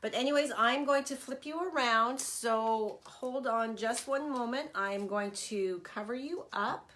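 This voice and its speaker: Her voice a little high, a little slow and a bit bright, a middle-aged stamping craft demonstrator chats casually through a home live stream, saying um often. She sounds nasal and congested from a cold, and the recording comes from a tablet camera.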